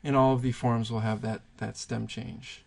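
A man's voice: medium pitch, little pitch movement, moderate pace, creaky, a little mellow. A man teaching Spanish verb conjugations, patiently thinking aloud and pointing things out as he writes. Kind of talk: explaining grammar at a whiteboard.

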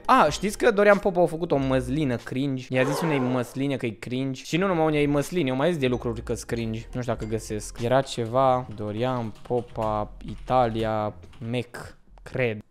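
A young adult man casually reacting to videos with excitable, slangy, mock-puzzled asides. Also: medium pitch.

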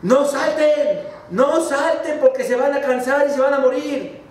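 A man's voice: very high-pitched, unhurried, voice pushed up. A man voicing a frantic family of little frogs that shriek warnings at one of their own, in an echoey hall heard from far off. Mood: alarmed shrieking.

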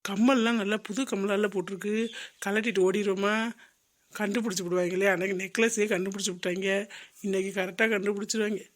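A woman's voice: mid-range voice, fairly even intonation, a little fast, natural voice. A woman voicing a greedy, gossipy neighbor in a cartoon comedy. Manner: gossipy, scheming.

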